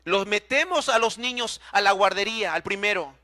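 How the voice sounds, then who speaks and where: A man's voice: sits high, moderate pace, bright, forceful tone. A middle-aged man telling his own testimony before a church congregation, acting out conversations and speaking to the people with feeling. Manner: emotional, acts out dialogue, addresses the congregation. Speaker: church member giving testimony.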